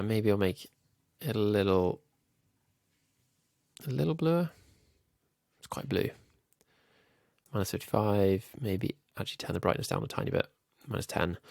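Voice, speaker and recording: A man's voice: deep voice, steady tone, moderate pace, gravelly, no room sound, clean studio sound. A man with a nasal, slightly ill voice, thinking aloud with frequent ums while walking through a design tutorial. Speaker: YouTube growth coach. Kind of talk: screen-recorded design tutorial.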